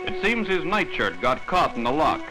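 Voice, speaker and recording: A man reads a 1940s wartime newsreel in a slightly raised register, brisk and fond of wisecracks. His delivery is polished, scripted announcer narration. A music score plays clearly underneath him. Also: fairly high pitch, sing-song, low-quality recording.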